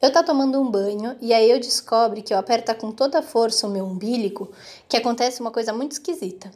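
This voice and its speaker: A woman reading a children's book aloud in a lively, expressive way. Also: on the high side, quick pace. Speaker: reader.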